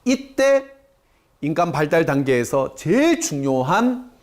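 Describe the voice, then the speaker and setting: High, lively male lecturer. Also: unhurried. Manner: asks the audience questions and answers them himself; acts out quoted speech. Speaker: parenting lecturer. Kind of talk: lecture to parents.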